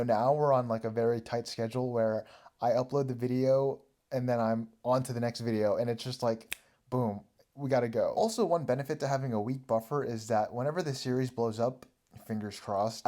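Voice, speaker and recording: A man's voice: medium pitch, mellow. A young man hosting a solo podcast, chatting casually in a rambling, self-mocking way. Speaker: podcast host.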